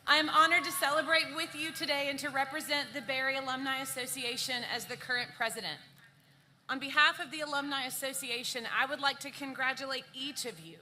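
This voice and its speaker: A woman delivers a formal commencement address from a podium microphone at an outdoor ceremony. Her voice is bright and a little high for a woman, with a faint hiss of noise underneath. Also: fairly even intonation, brisk. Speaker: alumni association president.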